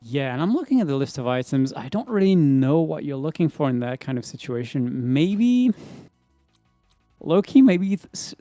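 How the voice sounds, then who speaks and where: Young man, esports commentator, excitable, laughs often, faint game music behind. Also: medium pitch, no room sound. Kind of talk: live tournament commentary.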